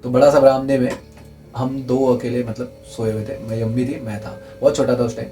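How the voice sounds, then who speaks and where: A young man earnestly telling a true scary story in casual chat, repeating himself for emphasis and dropping to a hush at the tense parts. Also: mid-range voice, level tone, a little fast, soft background music, low-quality recording.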